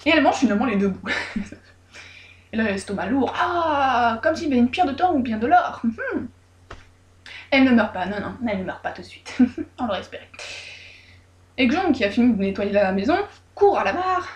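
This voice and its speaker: A woman casually retelling a folk tale with lively, irreverent, joking asides. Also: fairly high pitch, moderate pace, pauses often, lo-fi sound. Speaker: storyteller. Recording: roomy echo.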